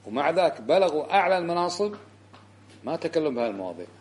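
A man giving a religious lesson, indignant and emphatic, climbing high when he stresses a point. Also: very fast. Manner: animated and indignant, rising sharply for emphasis. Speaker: Islamic scholar giving a lesson. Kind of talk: religious lecture commentary.

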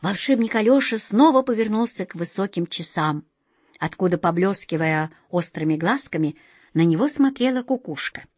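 A woman narrating a children's fairy tale with expressive storytelling. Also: mid-range voice, normal speed, dry recording, studio quality. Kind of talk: audiobook fairy-tale reading.

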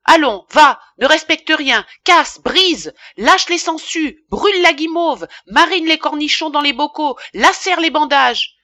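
Audiobook figure: woman reader doing an irascible, self-important male pharmacist, loud indignant tirades, bright tone. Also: medium pitch, lively intonation, measured pace, no echo, studio quality. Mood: furious. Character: pompous middle-aged male apothecary, irascible.

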